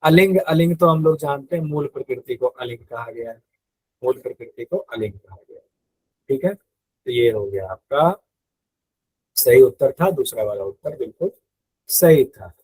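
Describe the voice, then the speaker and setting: A man's voice: mid-range voice, animated, moderate pace, long pauses, darkish tone, breathy edge, no room sound, rough recording. A man teaching a live online yoga exam-prep class in speech, explaining step by step, repeating key terms and quizzing his students.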